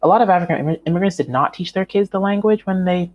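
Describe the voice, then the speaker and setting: A Canadian woman who is a writer speaks as a guest in a conversational interview, reflective and full of fillers and restarts. Her voice is on the low side and racing, on dull audio.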